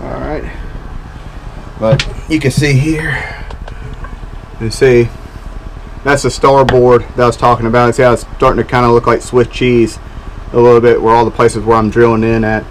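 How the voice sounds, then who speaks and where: A boat DIY vlogger in his thirties, filmed outdoors on a close action camera, casually walks through a boat wiring job step by step. His mid-range voice moves at normal speed against a noisy background, relaxed, with frequent pauses and plenty of fillers.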